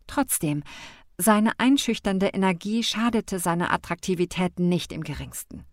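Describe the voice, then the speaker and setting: A woman narrating a first-person novel in an expressive, wry manner with lively inflection. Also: medium pitch, no echo, studio quality. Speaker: audiobook narrator.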